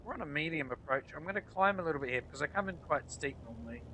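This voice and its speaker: While playing a flight simulator, a man narrates a tutorial with casual explanatory commentary, his voice nasal and stuffed up from a head cold. It's a little high, animated, fast, pushed, and bright, with slight background noise.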